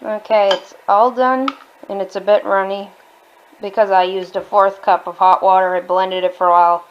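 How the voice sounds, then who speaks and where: A woman's voice: medium pitch, little pitch movement, normal speed, muffled recording, a little hiss or hum. A woman casually demonstrating a homemade recipe in her kitchen, talking in a chatty, rambling way with restarts. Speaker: home cook vlogger. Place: home kitchen.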